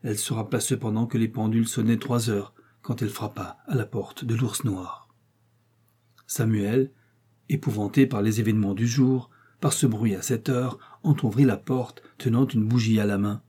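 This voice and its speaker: A man narrating a classic novel in a measured, dramatic reading. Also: lowish voice, steady tone, warm tone, husky. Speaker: audiobook narrator.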